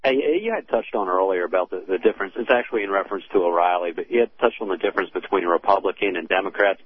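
A man calling in to a talk show over a phone line, chatting casually and agreeing with quick short replies. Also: low-pitched. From Texas, USA. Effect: phone line call-in. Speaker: caller. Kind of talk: casual call-in chat. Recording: tinny phone line with faint hiss.

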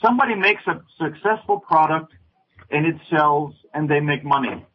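A man in his early sixties calling in to a radio show on a speakerphone over an internet line, halting and searching for his words as he talks. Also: a little high, slight background noise. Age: 60s. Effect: speakerphone call over an internet line. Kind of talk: call-in conversation. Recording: muffled lo-fi speakerphone call.

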